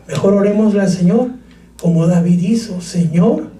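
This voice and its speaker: Pastor de voz aguda predicando en iglesia con eco. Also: male voice, high voice, normal speed, dark tone. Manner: preaching with call-and-response, joking asides. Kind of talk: sermon. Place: church sanctuary. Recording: echoey church, far from mic.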